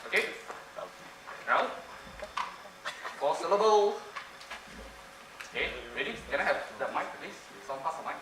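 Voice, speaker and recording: Here the man's voice is fairly high with lively intonation, unhurried and full of long pauses. He is a conference speaker doing a playful mind-reading trick, coaxing the audience and repeating phrases, recorded from afar in a roomy hall with background noise, laughter and ambience.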